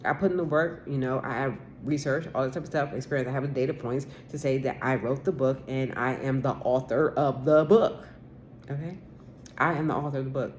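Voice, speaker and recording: A vlogger in her forties rambles straight to camera in a solo monologue, sounding aggrieved and insistent, swearing casually and often restarting sentences. Her voice is extremely low, steady and a little mellow, delivered a little fast, with a little hiss or hum on the recording.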